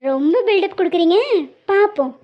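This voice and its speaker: A woman's voice: extremely high pitch, fairly quick. A woman voicing a tearful young wife in a cartoon, speaking emotionally and pleading. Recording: slightly dull lo-fi audio.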